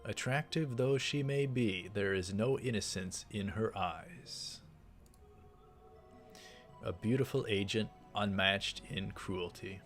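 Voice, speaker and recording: Speaking slowly in a lowish register, a man dramatizes a visual novel's narration as a let's player, with game music running in the background.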